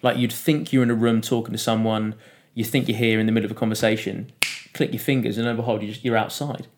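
A man, a podcast guest, telling stories in a casual, animated way and acting out the quotes of others. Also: on the low side, fast talker, noisy background. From United Kingdom. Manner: animated, laughing storyteller who acts out quotes. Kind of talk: casual storytelling interview.

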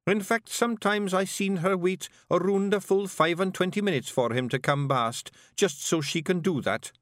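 A man's voice: high-pitched, normal speed, a bit bright, no echo, studio quality, pitched above the performer's own voice. A man voicing a simple-minded little male fairy with a Scottish accent who talks hesitantly. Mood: puzzled.

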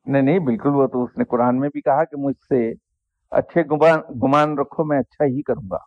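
Gravelly-voiced man with a tinny, dry recording. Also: medium pitch, steady tone, no echo. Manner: unhurried, reflective, self-deprecating. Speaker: spiritual teacher answering questions. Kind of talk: anecdotal storytelling and religious reflection. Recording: dry, tinny phone-like sound.

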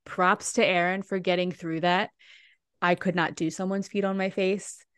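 Lady podcast cohost, lower voice, rambly casual theater chat, dry mic. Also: flat delivery, moderate pace, fairly bright tone, smooth, dry recording. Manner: chatty, lots of "like" and restarts. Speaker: podcast co-host.

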